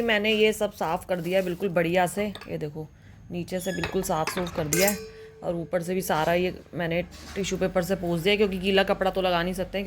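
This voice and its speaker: A woman's voice: lowish voice, a little hiss or hum. A young woman chatting casually in a home vlog, cooing now and then to her pet dog. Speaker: vlogger. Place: at home indoors.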